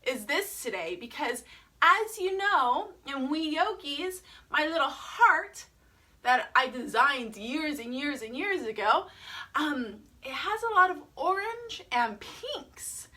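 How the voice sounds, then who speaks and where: High bouncy lady running a kids yoga class, takes her time, sing-songy and cheery. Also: bright, forceful tone. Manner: playful, sing-song, encouraging children.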